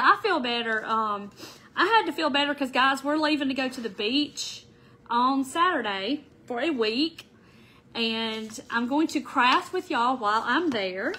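A middle-aged woman with a high voice and sharp tone hosts a casual craft show streamed live from her indoor craft room. Stuffed up from a summer cold, she sounds nasal, chatting and greeting viewers by name as she goes, while a camera on the table in front of her captures it all.

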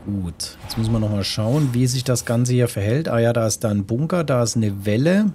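A man hosting a casual let's play, musing aloud as he works out each move. His voice sits at a medium pitch, with faint game ambience behind it. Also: a little fast, dark tone, a little hiss or hum. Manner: musing, talking to himself. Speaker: gamer, let's play host. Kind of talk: casual gameplay commentary, thinking aloud.

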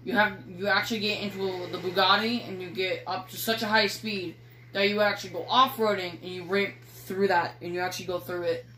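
A teenage girl casually commentating a driving game she films with her phone in a dark room at home, rambling and teasing with casual swearing. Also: mid-range voice, fairly even intonation, fairly quick. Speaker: gaming video creator. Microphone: phone filming a screen. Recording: echoey room with faint noise.

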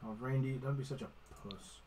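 A man's voice: mid-range voice, moderate pace, noisy background. A man giving casual gameplay commentary, teasing and swearing at the characters he controls. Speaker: gaming streamer.

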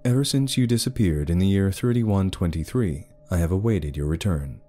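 A man voicing a calm overseer AI. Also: deep voice, faint music behind. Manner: measured and explanatory. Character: calm male artificial intelligence overseeing a world.

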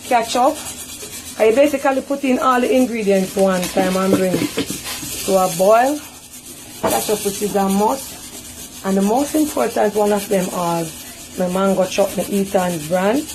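A woman's voice: medium pitch, noisy background. A woman with a Jamaican accent talking viewers through a recipe as she cooks in her home kitchen, chatty and homely. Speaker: home cook. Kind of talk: casual cooking vlog.

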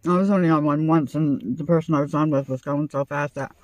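A woman's voice: low-pitched, steady tone, fairly quick, darkish tone, poor audio. Older woman chatting while chewing. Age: 60s. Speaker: vlog host. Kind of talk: casual chat over a meal. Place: inside a parked car at night.

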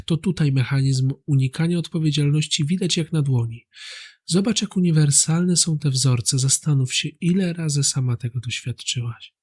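A man, the host of a psychology channel, giving scripted narration in a calm voice and speaking straight to the listener. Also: mid-range voice.

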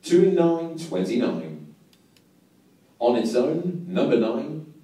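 A man's voice: mid-range voice, big pitch swings, slow, dark tone. A young man in his twenties calling bingo numbers in a sing-song, patterned manner as the host. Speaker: bingo caller, show host. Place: large bingo hall, indoors. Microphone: handheld mic over hall speakers, filmed from nearby. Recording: echoey hall PA, far from the mic.

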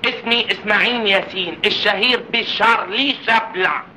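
An actor playing a cheeky, bumbling Egyptian witness in an old film comedy, rambling and wisecracking with exclamations. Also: male voice, sits high, a little fast, pushed and bright. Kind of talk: 1940s film comedy acting. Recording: noisy old film soundtrack.

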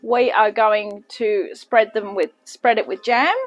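Speaking slowly in a steady, mid-range voice, a woman hosts a casual home cooking demonstration for her channel in her kitchen. She is chatty and self-deprecating, with rambling asides. The audio quality is poor.

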